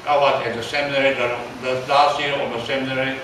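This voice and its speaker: A pastor in his seventies with a Taiwanese accent gives a storytelling sermon, speaking haltingly, repeating words and asking the audience questions. His middle-pitched voice has a flat delivery. He's recorded from a distance in a very echoey church hall, with clear noise underneath.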